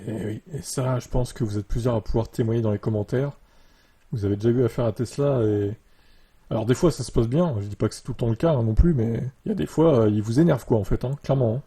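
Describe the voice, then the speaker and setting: A YouTuber commenting on electric cars chats casually on camera, reading lines from an article and reacting with lots of fillers. His voice is medium-pitched, quick and slightly rough. The USB desktop mic gives it a dark, muffled sound.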